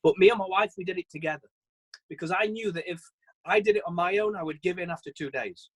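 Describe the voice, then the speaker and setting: Chatty male sales trainer on a video call, bright high voice, self-deprecating. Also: fast, slightly rough, rough recording. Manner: chatty, self-deprecating, repeats and restarts phrases. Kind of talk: virtual training session.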